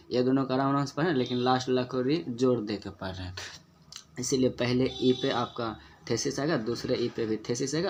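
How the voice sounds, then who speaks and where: A man teaching a lesson on poetic meter, going step by step, asking and answering his own questions and slowly repeating example words to show their stress. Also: mid-range voice, a little mellow, slight background noise.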